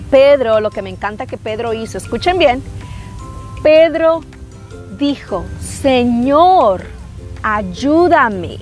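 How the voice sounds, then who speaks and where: A woman tells a Bible story to children at an unhurried, deliberate pace. Her voice sits fairly high and stays lively, and she keeps turning to her young listeners with little questions. Soft music plays faintly behind her. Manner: animated, frequent tag questions to the kids. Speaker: children's Bible class teacher. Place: outdoors by a lake.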